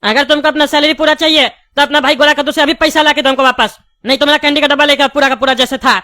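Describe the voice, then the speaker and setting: A woman's voice: high-pitched, fairly even intonation, fast, bright, forceful tone. A woman acting a brash, bantering young male candy shopkeeper in a comedy sketch.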